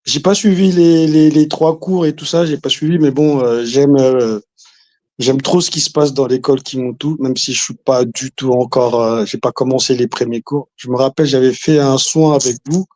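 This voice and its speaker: A man from Congo speaks over a video call in a casual, hesitant way, restarting his sentences and filling pauses. His voice sits at an ordinary pitch for a man. The sound is dry, with no room echo. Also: fairly even intonation, darkish tone. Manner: hesitant, many restarts and fillers, chuckling. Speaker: caller. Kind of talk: casual chat.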